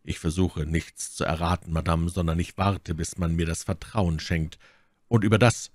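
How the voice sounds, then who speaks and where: A man's voice: deep voice, fairly even intonation, normal speed, no room sound, studio quality, lightly acted. A man voicing a stern pious young guard. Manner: reserved, earnest. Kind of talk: audiobook reading.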